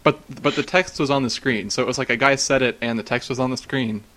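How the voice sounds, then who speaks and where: A man's voice: mid-range voice, quick pace, fairly bright tone, no room sound. Giggly man telling his odd dreams. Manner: laughs often while telling, many fillers. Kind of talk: casual chat, recounting dreams.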